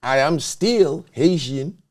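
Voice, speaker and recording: Speaking slowly with lively intonation, the host has a voice on the high side. He's a naturalized American citizen born abroad, leading an opinionated talk show discussion and making his case in an emphatic, lecturing style.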